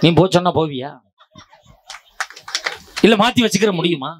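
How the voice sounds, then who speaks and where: A man judging a stage debate, teasing the speaker with quick retorts. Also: sits high, lively intonation. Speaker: debate judge. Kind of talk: heckling debate moderation.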